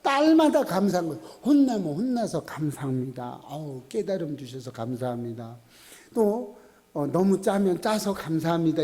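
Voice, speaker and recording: Lively joking male pastor. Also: fairly high pitch. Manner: folksy, joking asides, lively storytelling. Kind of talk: Friday prayer meeting sermon.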